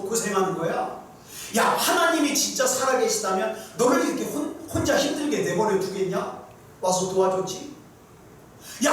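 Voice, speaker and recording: A man's voice: very high voice, fairly bright tone, full character voice. A man acting out a scornful male devil who mocks a pilgrim and plants doubts, heard in an echoey room from a distant mic. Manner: mocking, scornful taunts. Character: sneering male devil whispering doubts, taunting. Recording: echoey sanctuary, mic far off.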